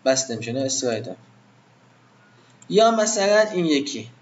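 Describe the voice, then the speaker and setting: A man's voice: medium pitch, sing-song, lo-fi sound, slight background noise. A man teaching web design to a live class in an informal way, asking the students questions and then answering them himself.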